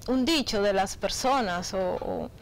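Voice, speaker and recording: A woman doctor answering health questions on a radio show, halting and often adding "¿no verdad?". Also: medium pitch, slight background noise, rough recording. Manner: slow, halting, tags "¿no verdad?". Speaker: physician guest.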